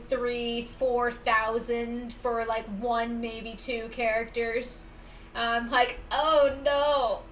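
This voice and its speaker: This game streamer is a young woman whose slightly high voice has a fairly bright tone. She keeps up relaxed chatter as she plays live, picked up by a distant-sounding mic with some faint noise in the background.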